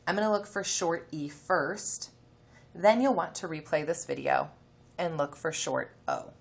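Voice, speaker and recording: A woman with a low, gravelly voice takes her time as she leads children through a reading lesson. The elementary teacher explains the instructions, sounds out letters, and reads a passage aloud.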